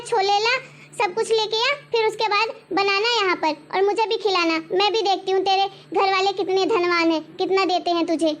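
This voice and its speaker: A woman's voice: very high-pitched, a bit bright, slight background noise. A woman playing a harsh, stingy mother-in-law who scolds and taunts her daughter-in-law in a homemade family drama. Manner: scolding, taunting, repeats demands. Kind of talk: homemade web-drama acting.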